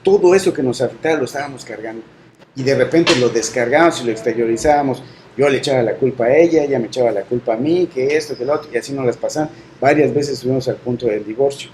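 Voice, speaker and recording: A middle-aged man from Mexico, telling a personal faith story in an earnest, halting way. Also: mid-range voice, a little mellow, slight background noise, low-quality recording. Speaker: guest sharing testimony.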